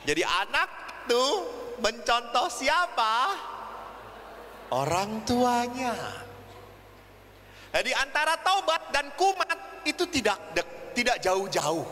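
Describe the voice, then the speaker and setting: Lively high-voiced priest preaching. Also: male voice, a little hiss or hum. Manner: lively storyteller acting out dialogue. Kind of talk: sermon with humorous anecdotes. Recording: long reverb of a large hall.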